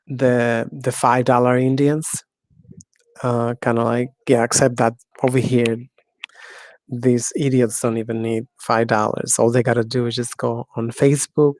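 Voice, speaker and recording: A woman's voice: extremely low pitch, darkish tone, no room sound. A woman in her fifties hosting her own talk show in a rambling, scornful solo monologue full of "you know". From Mexico. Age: 50s. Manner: scornful, ranting.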